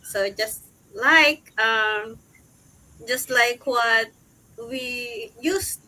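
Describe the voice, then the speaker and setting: Bright high-voiced woman, rambling. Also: drawn-out words, low-quality recording. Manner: rambling, restarts her sentences. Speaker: guest speaker. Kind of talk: casual live-stream chat.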